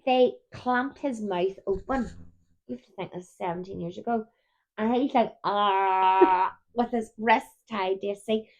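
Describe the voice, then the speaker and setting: A woman's voice: on the high side, normal speed, a little mellow, dull audio. A woman, co-hosting a casual chat show and telling stories while yawning often. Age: 30s. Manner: chatty storyteller, keeps yawning. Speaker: podcast co-host.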